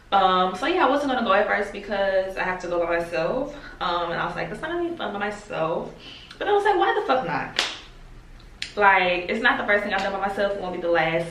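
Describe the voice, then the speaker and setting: A woman's voice: lowish voice, a bit bright. Young woman, casual vlog, candid and chatty, sounds far off, faint hiss behind. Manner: candid and chatty, swears freely, drawn-out "like"s. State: talking with a lozenge in her mouth. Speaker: vlogger. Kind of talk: casual vlog talk to camera. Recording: roomy and distant with faint noise.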